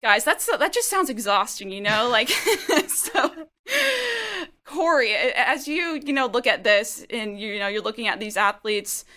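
A woman's voice: on the high side, lively intonation, unhurried, sharp tone. A woman hosting a running podcast, moving between segments and asking her co-hosts questions, with frequent "you know.". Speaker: podcast host. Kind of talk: casual sports podcast hosting.

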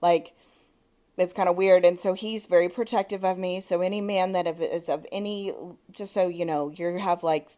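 This podcast co-host, a woman in her thirties, has a lowish voice and speaks at normal speed while telling a story in casual chat. She is animated throughout, cursing a lot and quoting texts.

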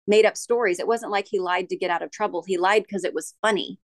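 A middle-aged woman speaks as a podcast guest, telling a personal story with a gravelly edge in her voice. She talks haltingly, restarting sentences and pausing on filler sounds. The sound is close and dry, with no room behind it. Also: mid-range voice, dry recording. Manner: halting, with frequent restarts and ums. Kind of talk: candid interview storytelling.

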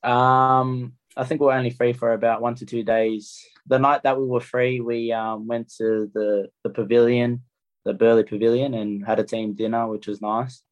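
A man's voice: mid-range voice, level tone, moderate pace, highs cut off. A young man with an Australian accent, a rugby player giving plain, understated answers in a casual interview. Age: young adult.

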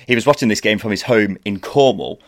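A man's voice: on the low side, fairly quick, no echo, clean studio sound. A man hosting a casual football discussion, putting questions to his guests in a chatty way. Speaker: host. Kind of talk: casual sports chat.

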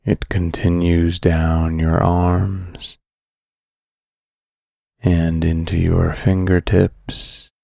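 A man narrating a guided sleep story in a calm, soothing, measured way, with long pauses between phrases. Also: sits low, vocal fry, no room sound, studio quality.

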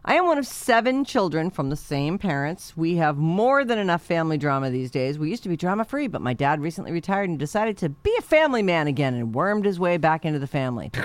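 A woman's voice: lowish voice, no room sound. A woman reading a letter aloud in casual chat, adding sarcastic asides. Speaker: host reading a listener letter.

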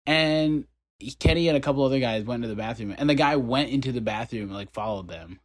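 A man's voice: mid-range voice, fast talker. Young man telling a story animatedly. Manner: animated storyteller acting out quoted voices. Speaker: podcast co-host. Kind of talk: casual storytelling chat.

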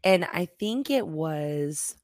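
A woman with a slightly low voice co-hosts a relaxed podcast. She tells stories, acting out what others said and laughing easily. The recording is dry and close. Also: takes it slowly, no echo. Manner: storytelling, acts out quotes, laughs often. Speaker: podcast co-host. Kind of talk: casual chat.

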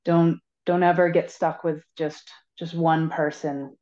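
A woman's voice: deep voice, level tone, unhurried, mellow, lo-fi sound. A woman herbalist guest on a podcast, giving earnest advice and often repeating words as she thinks. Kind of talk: casual podcast interview.

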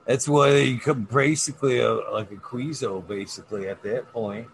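A man rambles casually in a medium-pitched voice. His talk is coarse and slangy, full of swearing. A faint layer of noise sits behind him. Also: moderate pace, gravelly, poor audio.

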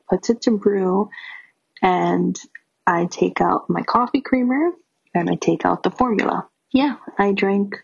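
Husky gravelly mom, dry humor, muffled lo-fi sound. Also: female voice, medium pitch. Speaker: mother sharing a story. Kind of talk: recorded anecdote. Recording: dull lo-fi recording.

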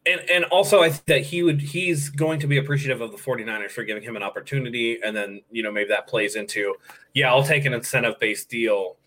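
A man with a bright, forceful voice talks casually as a sports podcast co-host. He reasons through his points and often restarts a phrase to build on it. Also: mid-range voice, fast, hardly any pauses. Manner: analytical, repeats phrases while building a point.

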